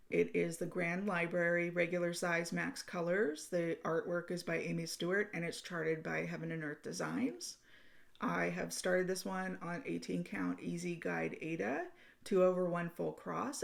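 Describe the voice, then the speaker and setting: A woman with a somewhat low, gravelly voice that has plenty of fry. She hosts her own hobby channel and talks in a casual, friendly way, with a few ums as she goes through her updates. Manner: chatty and friendly, with frequent ums. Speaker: cross-stitch channel host. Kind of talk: casual vlog progress update.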